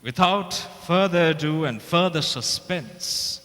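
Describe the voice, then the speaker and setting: A male pageant host projects brightly over a crowd in a reverberant hall. His high voice stretches out each phrase for suspense, in the grand style of a live announcer. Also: expressive. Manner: dramatic drawn-out build-up to announcements. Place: large event hall stage.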